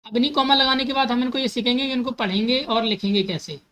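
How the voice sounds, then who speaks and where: Bright-voiced woman teaching math. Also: a little high, steady tone, quick pace, low-quality recording. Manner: repeats steps and asks herself questions, corrects slips. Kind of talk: explaining a math lesson step by step.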